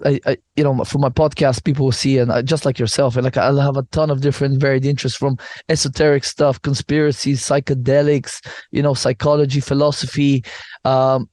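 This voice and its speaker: A man's voice: mid-range voice, a little mellow, no echo. A man in his thirties from Bulgaria, a podcast guest in casual chat, rambling with many restarts and asides. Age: 30s.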